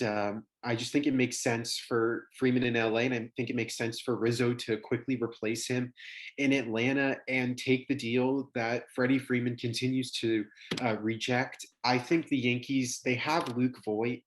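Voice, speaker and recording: A man shares opinions in an informal sports-talk style. His voice sits at an average pitch, and he speaks like a podcast panelist among friends.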